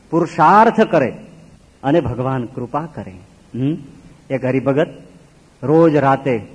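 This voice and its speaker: A man preaching a sermon as a swami, telling stories with animated swings between loud exclaims and low murmurs. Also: breathy edge. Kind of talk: Gujarati sermon with storytelling. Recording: long reverb of a hall.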